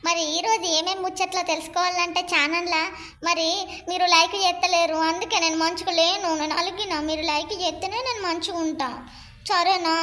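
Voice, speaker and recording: A woman's voice: very high voice, bright, forceful tone. A woman hosting a cartoon channel, chatting and cajoling viewers. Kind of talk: casual channel intro.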